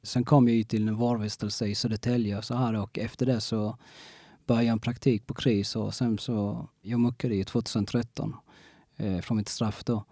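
Gravelly-voiced man in casual interview. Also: lowish voice, little pitch movement, dark tone, dry recording, studio quality. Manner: halting, frequent restarts, many fillers.

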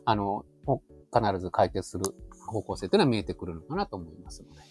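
A man's voice: lowish voice, animated, quick pace, darkish tone. A man speaking as an expert guest, explaining advice conversationally in a polite, tentative way. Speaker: expert guest, labor consultant. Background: faint music.

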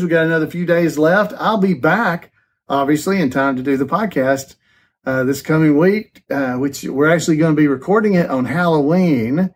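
A man hosts his podcast in a loose, chatty way, reading out each trivia question twice and laughing along. His voice sits a little high for a man. The tone stays easygoing and friendly. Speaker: podcast host. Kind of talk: casual podcast chat. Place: on a cruise ship.

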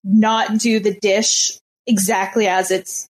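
A woman hosts a casual podcast chat, reading out lists of dishes and then giving her quick take on each. Her voice sits at an ordinary middle pitch, and her manner stays relaxed. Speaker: podcast host.

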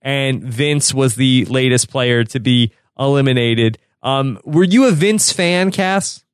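Smooth easygoing male podcast host. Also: mid-range voice, slow pace, no echo, studio quality. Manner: easygoing, curious questioner. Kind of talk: casual interview chat.

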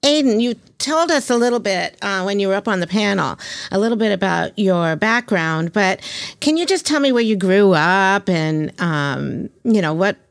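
An eager, talkative woman hosts a casual podcast interview. She speaks at a mid-range pitch and laughs easily between her questions. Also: expressive, moderate pace, creaky. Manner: enthusiastic, chatty, laughs often. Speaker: podcast host.

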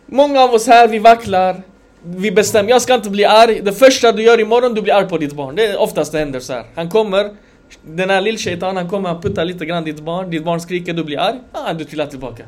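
High-voiced man preaching animatedly. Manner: animated, swings between loud emphasis and quiet asides. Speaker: religious lecturer. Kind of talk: conversational sermon to a gathering.

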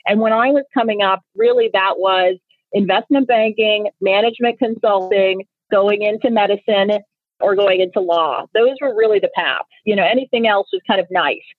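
Speaking at an ordinary pace in a mid-range voice, this guest is a company founder: a woman in her thirties from Nigeria whose native language is Igbo. She responds to interview questions thoughtfully and sincerely, frequently starting over. There's no room sound, though the audio has a thin, phone-line quality.

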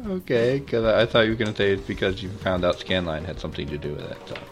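A man's voice: sits low, lively intonation, fast. A man co-hosting a podcast, chatting casually and dropping dry quips. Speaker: podcast co-host.

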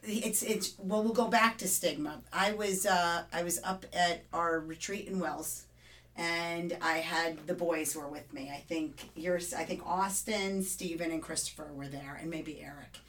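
A middle-aged woman hosting a podcast, telling an anecdote in a lively way and acting out the quotes. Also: on the low side, unhurried. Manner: animated storyteller, acts out quotes. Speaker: podcast host. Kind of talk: casual podcast discussion.

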